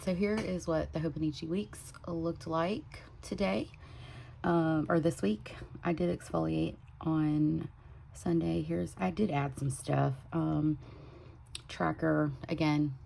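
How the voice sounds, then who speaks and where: A woman with a drawl talks through her weekly planner in an unhurried, chatty way. Her voice is low, mellow and heavy with vocal fry. A faint hiss sits under the home recording. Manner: chatty, drifts into soft whispers while working. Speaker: planner vlogger. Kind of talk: casual plan-with-me chat. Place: home desk.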